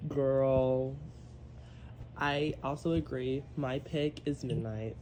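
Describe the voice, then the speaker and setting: A man's voice: mid-range voice, steady tone, takes it slowly, heavy background noise. A man hosting a podcast in casual chat, snarky and teasing toward his guest. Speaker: podcast host.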